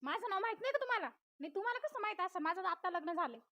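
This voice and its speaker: A woman acting a sharp-tongued young village wife, scolding with quick retorts. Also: extremely high pitch, expressive, no echo, clean studio sound, heavily acted. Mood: irritated.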